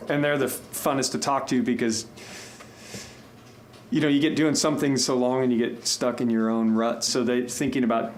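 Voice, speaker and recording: A man in his thirties, a musician from Washington, chatting in an interview, rambling with quick restarts. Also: mid-range voice, slight background noise. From Tacoma and Spokane, Washington. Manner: rambling, animated storyteller with restarts. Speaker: musician guest. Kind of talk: casual interview chat.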